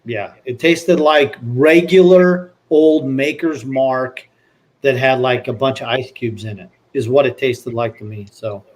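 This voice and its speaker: A man with a mid-range voice who talks slowly. He is a plainspoken panelist on a casual livestream, feeling his way through each thought. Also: mid-range voice. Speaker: livestream panelist tasting bourbon. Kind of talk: casual chat.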